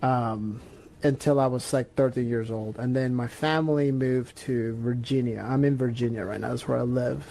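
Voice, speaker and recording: A man's voice: mid-range voice, steady tone, normal speed, vocal fry, dark tone. A young man from Peru chatting casually as a podcast guest, hesitant with many fillers and restarts. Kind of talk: casual chat.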